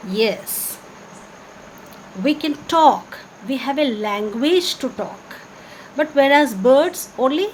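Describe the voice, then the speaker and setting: Slow, high-voiced woman teaching young children. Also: rough recording. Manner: slow, simple explaining to young children, with questions and repetition. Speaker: primary school teacher. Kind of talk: children's online class lesson. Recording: noticeable background noise.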